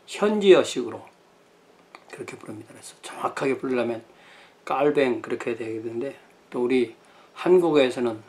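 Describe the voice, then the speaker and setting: A man's voice: mid-range voice, a little mellow, a little hiss or hum. A middle-aged man, a pastor, giving a lecture on church history, thinking aloud with many fillers and self-corrections.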